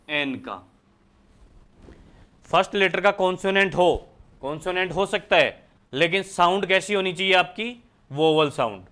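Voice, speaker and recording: A man's voice: high voice, sharp tone, clear, resonant tone. A man from India teaching English grammar in a lecture, who keeps asking the class questions and answering them himself. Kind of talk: Hindi lecture explaining English articles.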